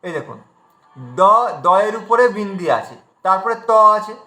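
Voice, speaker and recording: A man's voice: high-pitched, lively intonation, normal speed, sharp tone, echoey room, faint music behind. A man teaching an online pronunciation class, patiently spelling out letters one by one as he shares his screen.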